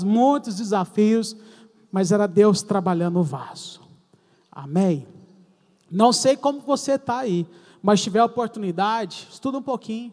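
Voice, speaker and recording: High-voiced Brazilian preacher in a church hall. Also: male voice, darkish tone. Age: middle-aged. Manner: storytelling, addresses the congregation as brothers and acts out dialogue. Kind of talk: sermon testimony. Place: church sanctuary.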